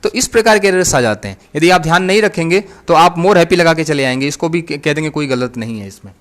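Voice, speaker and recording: A man's voice: a little high, lively intonation, a little fast, a bit bright. A man giving an English grammar lecture in Hindi, repeating each point and answering his own questions. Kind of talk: recorded online lecture.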